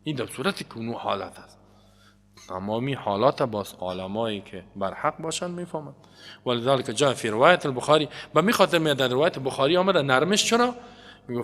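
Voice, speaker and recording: A man with a Tajik accent giving a religious lesson, explaining quoted Arabic texts in an animated way. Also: mid-range voice, in a large hall. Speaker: religious teacher. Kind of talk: hadith lesson.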